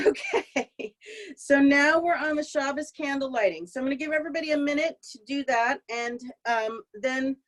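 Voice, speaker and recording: A woman's voice: high voice, fairly quick, few pauses, rough recording. A woman leading Shabbat services over a video call, speaking heartfelt and emotional, close to tears. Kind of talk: heartfelt spoken Shabbat reflection. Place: home meditation and prayer room.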